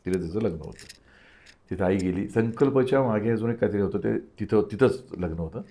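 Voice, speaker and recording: A man's voice: lowish voice, a little fast, warm tone. An older man, an interview guest, telling a personal story and acting out the dialogue of the people in it.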